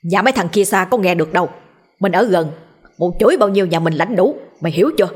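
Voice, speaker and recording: A woman's voice: on the low side, animated, fast talker, husky. A woman voicing an angry village father who curses and scolds his son. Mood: scolding. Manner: harsh scolding, cursing.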